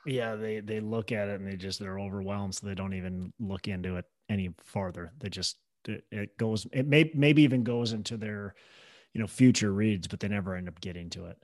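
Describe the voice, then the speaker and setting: A man's voice: lowish voice, fairly quick, dry recording. A man hosting a podcast interview, asking questions and agreeing with short interjections. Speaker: podcast host.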